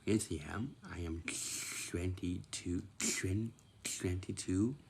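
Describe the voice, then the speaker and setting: A man's voice: sits low, slow pace, vocal fry, darkish tone, a little hiss or hum. A man in his twenties talking casually to the camera, repeating himself and answering his own questions. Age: 20s. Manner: repetitive, asks himself questions and answers them.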